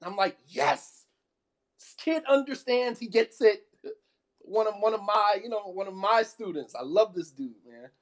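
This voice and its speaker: High-voiced American man, emphatic. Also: expressive, measured pace. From United States. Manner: emphatic, repetitive, peppered with 'you know what I mean'. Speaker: Islamic studies teacher. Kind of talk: impassioned talk.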